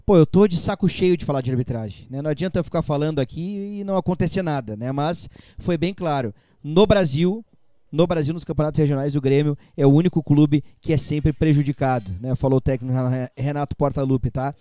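A man's voice: a little high, a little fast, warm tone, no echo. A man hosting a live fan broadcast after a football match, chatty and opinionated. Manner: chatty, opinionated, tag questions. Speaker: fan channel host.

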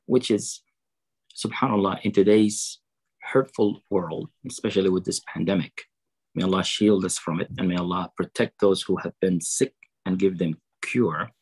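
A man with a low, husky voice preaches to an online audience for a charity drive. He recites a saying in Arabic, then slows down to translate and explain it. The sound comes through a webcam on a video call. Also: darkish tone, low-quality recording. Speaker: preacher at a fundraiser. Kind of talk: online fundraising sermon.

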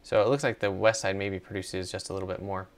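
Narrating an on-screen walkthrough, this middle-aged tutorial presenter speaks casually and conversationally, hesitating a little while explaining things. His low-leaning voice stays steady in tone, and he talks fast.

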